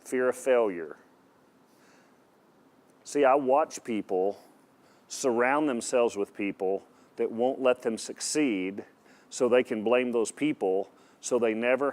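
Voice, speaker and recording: A male pastor delivers a sermon with emphatic, direct energy, pausing to ask his audience questions. His pitch sits in the ordinary middle range for a man, and he tends to repeat words as he drives his points home.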